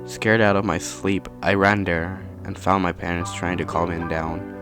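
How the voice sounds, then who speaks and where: A man narrating a scary story in a calm, measured storytelling manner. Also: low-pitched, over music. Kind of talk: scripted horror narration.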